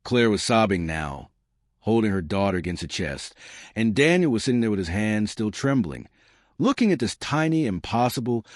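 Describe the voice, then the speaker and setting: Recorded in a clean studio without echo, a man whose voice runs on the low side acts as a suspenseful storyteller. He narrates a scripted dramatic story while addressing his listeners head-on.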